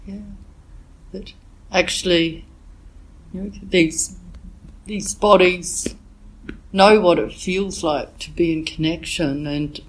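A woman meditation teacher giving a dharma talk while she has a cold, reflective and gently searching for her words. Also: on the low side, rough recording. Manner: reflective, unhurried, gently searching for words with frequent "yeah" and "you know". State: has a cold, voice a bit thick.

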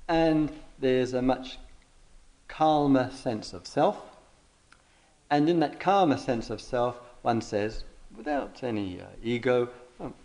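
A man teaching meditation in a question-and-answer dialogue, speaking deliberately and haltingly and often repeating his phrases. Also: mid-range voice, a little mellow.

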